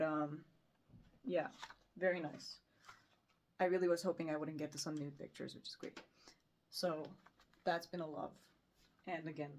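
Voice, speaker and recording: A woman's voice: deep voice, slight background noise. A young woman from Romania in a casual, rambling chat, self-deprecating and full of fillers. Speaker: book vlogger. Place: bedroom.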